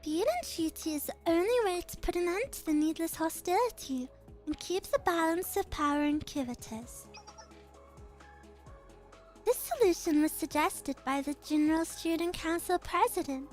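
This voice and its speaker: Woman playing a high-voiced, composed schoolgirl leader. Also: expressive, darkish tone, faint music behind. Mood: grave, explaining. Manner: formal, measured, deliberate. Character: composed, grave, refined academy schoolgirl leader. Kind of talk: visual novel game dialogue read aloud.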